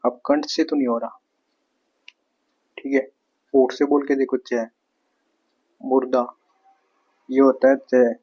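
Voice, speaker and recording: Male teacher, Haryanvi-tinged, monotone, runs through exam questions methodically, repeats each answer. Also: mid-range voice, lo-fi sound. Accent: Haryanvi-tinged Hindi. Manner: explains step by step, repeats answers, asks rhetorical questions. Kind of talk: exam prep grammar lesson.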